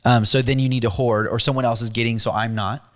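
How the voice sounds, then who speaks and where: A middle-aged man co-hosting a casual faith-based podcast chat, halting and repeating his words as he talks about giving and trust. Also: mid-range voice, level tone, a bit bright. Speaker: podcast co-host.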